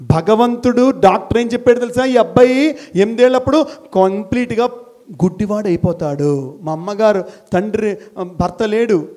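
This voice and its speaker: A man giving a motivational talk to college students, animated and teasing, scolding them now and then and dropping English phrases into his speech. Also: sits high, normal speed. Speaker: motivational speaker. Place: college hall.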